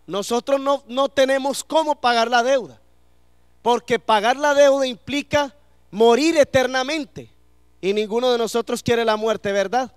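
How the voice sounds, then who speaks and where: A man's voice: extremely high pitch, clear, resonant tone, no room sound, clean studio sound. A man preaching a sermon to a congregation in church, asking them questions and letting them answer.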